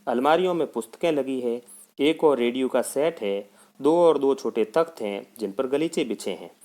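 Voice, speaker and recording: A man's voice: medium pitch, moderate pace, a little mellow. A male teacher reading a school play aloud and explaining it to children. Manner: addresses children, explains idioms.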